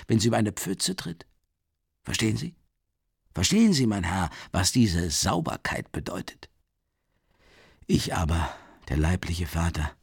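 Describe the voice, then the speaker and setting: A man voicing a drunken, self-pitying old ex-official in an audiobook, pleading and rambling with a voice that swings up high. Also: creaky, husky, no room sound, studio quality, full character voice.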